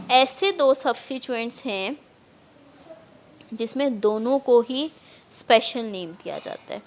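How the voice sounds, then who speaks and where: Pakistani lady chem teacher, slow explaining, lots of english words thrown in, higher voice. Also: slight background noise. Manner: slow, explanatory, mixing English terms into Urdu. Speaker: chemistry lecturer. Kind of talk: classroom lecture.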